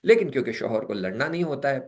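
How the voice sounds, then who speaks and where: A man's voice: medium pitch, quick pace. A man giving a lecture on personality types, acting out everyday stories with quoted voices. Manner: animated, acts out quoted voices.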